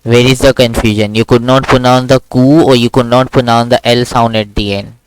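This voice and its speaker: A man teaching a Quran class online to a child, patiently repeating words slowly for the student to copy. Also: medium pitch, level tone, smooth, low-quality recording. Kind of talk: one-on-one online lesson.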